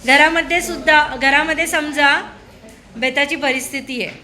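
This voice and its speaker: A woman's voice: sits high, fairly even intonation, moderate pace, sharp tone. A woman questioning a class of schoolchildren in a school room, prodding them with repeated, coaxing questions.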